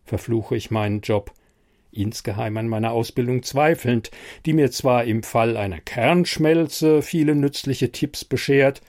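A man's voice: medium pitch, a little mellow. A man narrating a first-person horror story in a tense, dramatic reading.

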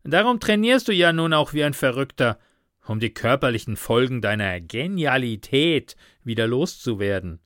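Man playing a loud bantering young guy, raised voice, storybook reading, dry sound. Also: mid-range voice, big pitch swings, normal speed, no room sound. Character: young man, brash, joking, then worried friend.

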